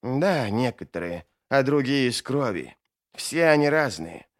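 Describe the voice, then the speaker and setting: A man voicing a grim, urgent elderly royal adviser who starts low and slow, then raises his voice and presses. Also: big pitch swings.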